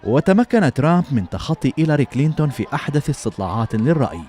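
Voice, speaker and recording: A man's voice: fairly high pitch, very animated, racing, dark tone. A man reading a scripted television news report as its narrator.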